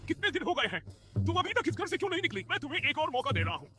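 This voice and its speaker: Nasty bully thug, shrill and rapid, faint music behind. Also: male voice, huge pitch swings, bright, forceful tone, heavily acted. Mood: menacing. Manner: harsh, threatening. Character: bullying male thug evicting an old woman. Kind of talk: Hindi dub acting.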